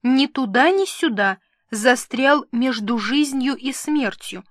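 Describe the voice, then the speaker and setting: Woman reader doing a whiny, theatrical friend, high voice, dry close sound. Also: expressive, slow, no room sound, exaggerated voice. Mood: eager. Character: excitable scatterbrained woman friend.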